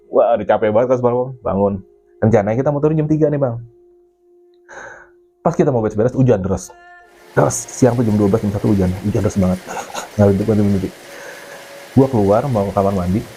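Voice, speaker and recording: A man with telling a mountain ghost story in casual chat, animated and swearing, acting out the voices of the people in it. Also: fairly low pitch. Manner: animated, acts out his own and others' quoted lines; swears casually, keeps addressing the listener as Bang.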